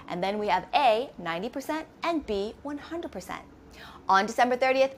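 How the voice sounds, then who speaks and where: Step by step, an accounting instructor works through a scripted lesson, asking questions and supplying the answers herself in a methodical way. Her voice is a little high, and there's a slight hiss or hum.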